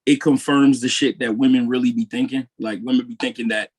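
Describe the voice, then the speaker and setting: A young man on a casual podcast with a husky, mid-pitched voice. He talks earnestly, restarting his sentences and often checking that the others agree. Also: fairly even intonation, a little fast. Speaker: podcast co-host.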